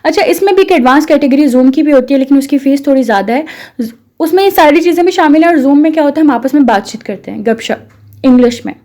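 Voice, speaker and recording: A Pakistani-accented woman, an English course instructor, explains how her course works, posing rhetorical questions and dropping English phrases into her speech. She talks fast in a high, mellow voice.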